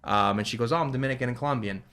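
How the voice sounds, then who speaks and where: In a relaxed chat, a New Jersey man who owns an ice cream shop appears as a guest and tells a story quickly at a middle pitch. His retelling is fast and animated, and he slips into the voices of the people he quotes along the way.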